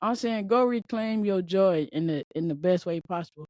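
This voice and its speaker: With a fairly low, darkish voice at normal speed and no echo, a late-twenties woman runs a solo podcast. She speaks casually and forcefully, circling back on her points the way a motivational speaker would.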